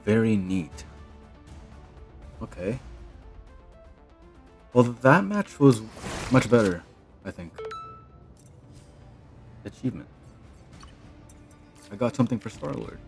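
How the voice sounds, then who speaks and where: A young man giving casual gameplay commentary, rambling as he thinks out loud. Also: mid-range voice, animated, takes it slowly, creaky, long pauses, soft background music. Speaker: gaming commentator.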